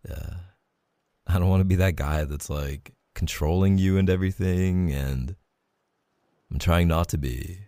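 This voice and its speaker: A young man in a whispered role-play, talking softly and intimately as a reassuring boyfriend. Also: measured pace, long pauses, dry recording, clean studio sound. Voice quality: gravelly, husky low voice. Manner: soft, intimate, reassuring talk to the listener.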